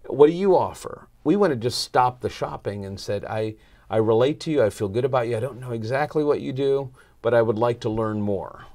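A middle-aged American marketing consultant, appearing as a podcast guest, answers questions in an earnest, conversational way and acts out bits of dialogue as he explains. His mid-range voice is fairly quick and darkish, picked up by a lapel mic in a small indoor podcast studio.

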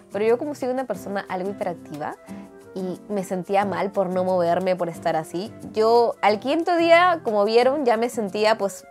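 A woman with a Peruvian Spanish accent, telling a story to camera in a dramatic, animated way with crude slang. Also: mid-range voice. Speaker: vlogger.

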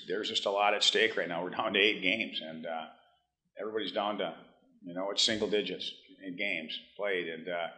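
A head hockey coach in his fifties giving a postgame press conference, talking in halting bursts with many restarts, blunt and frank. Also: fairly low pitch, sharp tone. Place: press room in front of a team backdrop.

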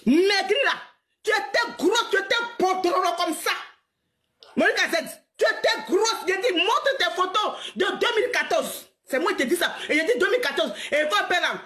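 Woman, forties, very high voice, bright and forceful, scolding rant, laughing as she repeats herself, live stream. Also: expressive, moderate pace. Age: 40s.

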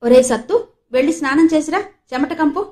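A fussy, squeamish young city man who scolds in a raised, high voice, as a woman narrator puts him on. He sounds prim and easily disgusted in this storybook audiobook. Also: expressive, a little fast, a little mellow. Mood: scolding.

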